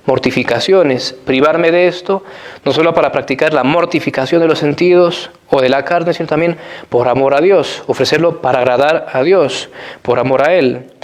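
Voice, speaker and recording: Higher-pitched man preaching a measured sermon. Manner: measured, explanatory preaching with repetitions. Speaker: priest.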